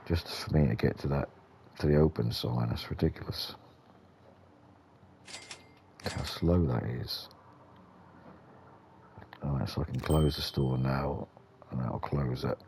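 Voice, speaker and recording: A man's voice: extremely low pitch, fairly even intonation, measured pace, long pauses, a little mellow, a little hiss or hum. A British man giving rambling, understated, casual gameplay commentary as the host of a gaming video.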